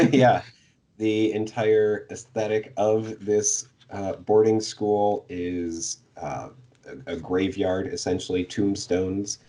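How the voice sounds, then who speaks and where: A man with a fairly low, steady voice speaks slowly in a warm tone. He co-hosts a podcast and sums up a book's plot in casual chat, hesitating with lots of fillers and little laughs.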